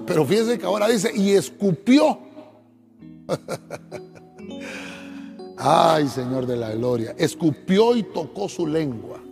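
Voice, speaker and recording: Animated high-voiced man preaching a sermon. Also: creaky, in a large hall. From Honduras. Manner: preaching with sudden swells and drops, addresses listeners as brother. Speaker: pastor.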